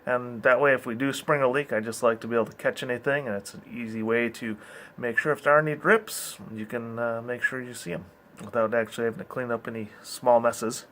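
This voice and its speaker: A man's voice: mid-range voice, fairly even intonation, a little fast, fairly bright tone, a little hiss or hum. A man giving an informal, hands-on explanatory tour in a yacht engine room, speaking in a practical, matter-of-fact way as a member of the boat's crew. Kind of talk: informal explanatory walk-through.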